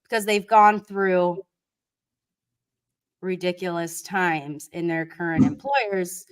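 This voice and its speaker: A woman talking in a casual podcast chat in an unhurried way, with many fillers. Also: on the low side, smooth.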